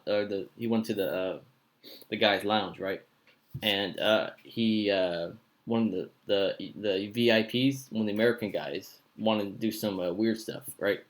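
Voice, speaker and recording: Rambling man recapping a show, low voice. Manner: rambling, full of fillers and restarts; excitable, acts out his own reactions. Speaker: podcast host.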